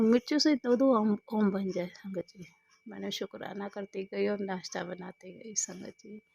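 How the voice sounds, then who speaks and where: A woman's voice: mid-range voice, creaky, mellow, husky, dry recording. A woman sharing a fervent devotional testimony, repeating herself often and addressing the listeners directly. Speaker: devotee sharing a satsang experience.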